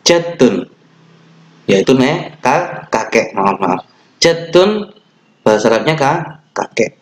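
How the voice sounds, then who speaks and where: With an Indonesian accent, a young man teaches children in an online class, speaking slowly and patiently with fillers and small self-corrections. His medium-pitched voice has lively intonation, and he chants the opening prayer in an echoey room.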